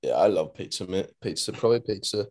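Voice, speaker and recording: A man from Ireland talking casually and a little hesitantly in a quiet way. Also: low voice, expressive, fast talker. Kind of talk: casual chat.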